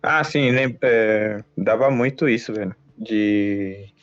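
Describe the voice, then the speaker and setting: A man's voice: fairly low pitch, slow pace, no room sound. A Brazilian man streaming a mobile game, chatting casually in slang with frequent restarts. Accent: Brazilian Portuguese. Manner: relaxed slangy talk with many restarts. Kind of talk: casual gaming chat. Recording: dull lo-fi mic with game music.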